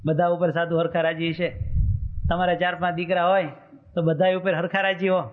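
Male monk preacher, folksy teasing sermon, higher voice, tinny phone-line audio. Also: little pitch movement, brisk. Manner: colloquial, teasing storyteller.

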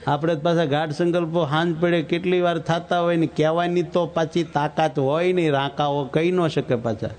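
A man's voice: on the high side, steady tone, normal speed, few pauses, darkish tone. Folksy preacher, man. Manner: folksy, exhorting the listeners. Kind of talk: storytelling sermon.

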